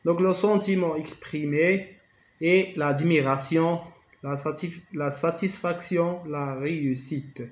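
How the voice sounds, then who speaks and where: A man with a Moroccan accent gives a grammar lesson, his voice a little high for a man. He spells out the French slowly, then rattles through the explanation. The sound bounces around an echoey room. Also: fairly even intonation. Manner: slow dictation-like French, rapid Darija explanations. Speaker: teacher.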